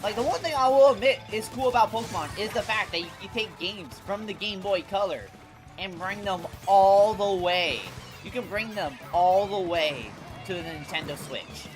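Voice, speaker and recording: Over background music, a stuffy-sounding gaming streamer talks at a normal pace with medium pitch. The casual livestream chat is full of slang and swearing, and phrases keep getting repeated and restarted.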